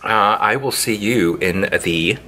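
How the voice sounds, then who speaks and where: A man's voice: lowish voice, takes it slowly, noisy background. A man hosting a casual cooking video, talking playfully as he works in his kitchen with sing-song sound effects. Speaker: home cook, channel host. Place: indoor kitchen, overhead camera on hands.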